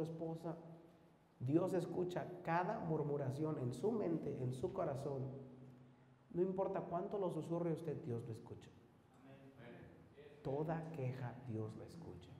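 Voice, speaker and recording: Pastor preaching in an echoey hall. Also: male voice, on the high side. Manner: preachy, rhetorical questions, swings from loud to hushed. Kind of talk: sermon. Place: church hall. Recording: echoey hall, faint noise.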